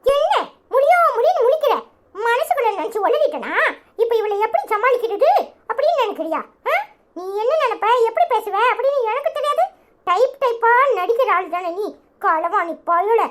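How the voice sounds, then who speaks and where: A performer puts on a cocky young village man in a cartoon comedy, speaking with a Tirunelveli Tamil accent. His voice is pushed very high and swoops all over as he jeers and dares the other side. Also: very animated, normal speed. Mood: taunting. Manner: taunting, jeering.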